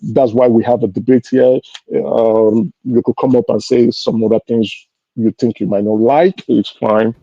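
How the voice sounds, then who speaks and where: A Nigerian man speaking as a panelist in a political debate, self-assured but often pausing and repeating his words. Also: mid-range voice, warm tone. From Lagos, Nigeria. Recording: muffled, echoey online audio.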